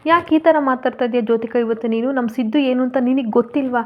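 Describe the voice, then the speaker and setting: A woman's voice: sits high, fast, highs cut off, close to an everyday voice. A woman voicing a hurt, reproachful woman of the family in a serial recap.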